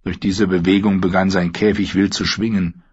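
A man narrating an audiobook in a steady, measured reading. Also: low-pitched, breathy edge, dry recording. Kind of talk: scripted narration. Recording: dull lo-fi sound.

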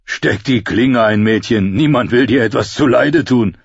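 A man's voice: mid-range voice, unhurried, vocal fry, breathy edge, no room sound, dull audio. A man voicing an arrogant city guard officer in an audiobook, speaking with scorn and condescension. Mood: scornful.

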